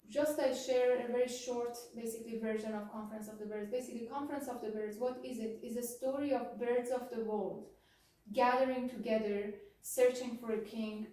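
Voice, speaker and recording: A woman's voice: a little high, mellow. Thoughtful woman in an echoey room. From Iran. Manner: thoughtful, hesitant, many fillers and restarts. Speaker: interview guest, complexity scientist. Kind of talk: reflective conversational interview. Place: campus room. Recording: roomy echo, mic at a distance.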